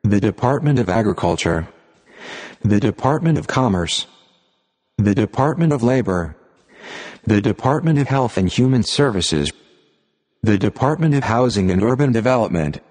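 Low synthetic male narrator in long reverb. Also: expressive, moderate pace, long pauses, darkish tone. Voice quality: synthetic computer-generated voice. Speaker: narrator of an audio reading series. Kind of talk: scripted narration, formal text read aloud.

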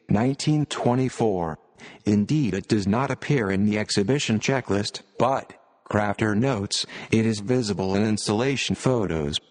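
Synthetic male narrator, old speech synthesizer, long reverb. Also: on the low side. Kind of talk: scripted narration, read aloud.

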